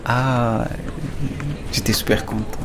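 A man, giving a halting, word-searching documentary testimony. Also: mid-range voice, level tone, noisy background. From Afghanistan. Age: 30s. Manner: halting, searching for words in French. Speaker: interviewee recounting his migration.

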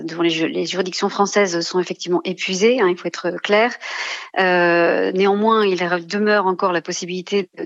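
Hesitant woman lawyer, low dry voice. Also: dry recording, lo-fi sound. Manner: hesitant, many fillers and restarts, legal vocabulary. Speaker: environmental lawyer, radio guest. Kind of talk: radio interview answer.

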